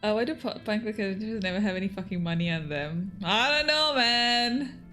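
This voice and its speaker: A woman's voice: medium pitch, expressive, moderate pace, pushed and bright, faint music behind. A woman giving casual, sweary game commentary as a streamer, rambling and giggly.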